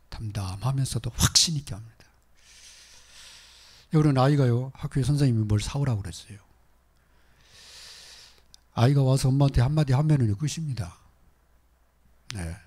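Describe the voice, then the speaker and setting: A male pastor delivers a sermon in a husky, slightly breathy voice. He swings from loud exhortation to hushed, almost whispered asides. His tone stays earnest and direct with the congregation. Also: mid-range voice.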